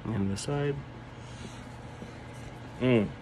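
Young man, 20s, laid-back off-the-cuff reviewer, mouth packed with dip, average pitch, noisy room hum behind. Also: drawn-out words, mellow. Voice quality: talking with a lip full of dip. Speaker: product reviewer. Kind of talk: casual vlog review, off the cuff. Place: small room indoors. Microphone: phone at arm's length.

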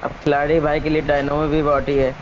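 A man's voice: a little high, level tone, fast, noisy background. A man in an online shooter squad offhandedly sharing weapons and supplies with teammates. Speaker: gamer in squad voice chat. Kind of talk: casual game chat. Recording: lo-fi voice chat over gunfire.

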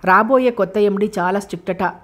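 A woman's voice: mid-range voice, quick pace, close to an everyday voice. A woman voicing a gossipy male office supervisor passing on rumours, read in an audiobook. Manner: gossiping, warning. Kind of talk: audiobook character reading.

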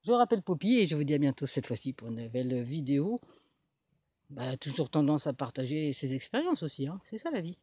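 Casual outdoor vlogger, medium pitch, informal chat, dry and slightly dull lo-fi handheld audio. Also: very animated, fairly quick, darkish tone, slightly rough, no room sound. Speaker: vlogger giving dog tips. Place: outdoors on a forest path.

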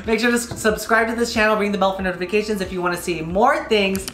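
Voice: mid-range voice, fast talker, a bit bright, echoey room, soft background music. A sassy, campy drag queen host chatting casually and teasing while reacting to videos. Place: indoor studio with plain lit backdrop.

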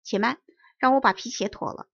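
A woman's voice: fairly high pitch, fairly quick, gravelly, fairly bright tone, muffled recording. A woman voicing an eager, fearless young boy.

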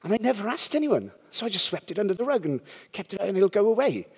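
A man's voice: sits high, sing-song, quick pace, breathy edge. A man, a startup founder, giving a candid, rambling talk at a conference, often checking in with the audience. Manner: rambling, frank, swears casually, asks audience "yeah?". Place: conference hall. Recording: long hall reverb.

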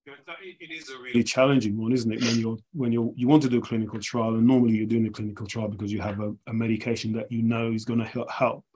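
A middle-aged man chairing a panel Q&A on a video call, brisk and conversational. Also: mid-range voice, fairly even intonation, warm tone, husky. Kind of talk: moderating a panel Q&A. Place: small room indoors.

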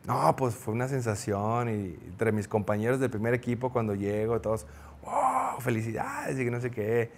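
A middle-aged man with a Mexican accent, a former goalkeeper, telling an anecdote in an interview, acting out the shouts he quotes. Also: medium pitch, fairly even intonation, moderate pace, few pauses. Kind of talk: storytelling in an interview.

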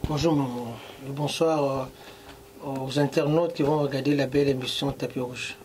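A man's voice: mid-range voice, steady tone, moderate pace, darkish tone, slight background noise. A middle-aged man from Congo, a fashion designer, interviewed in a clothing shop, mixing French and Lingala with emphasis. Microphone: handheld mic held by interviewer.

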